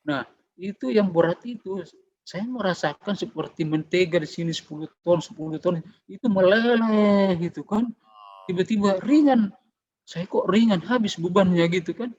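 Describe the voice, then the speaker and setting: A man's voice: high voice, moderate pace, a little mellow. A middle-aged man giving a personal faith testimony, telling his story conversationally and acting out the dialogue. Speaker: testimony giver. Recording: dull, slightly muffled recording.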